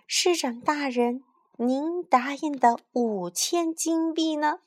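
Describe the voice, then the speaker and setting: Storybook pied piper, male, proud and quick to anger, voiced by a woman narrator, raised pitch. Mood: pleading.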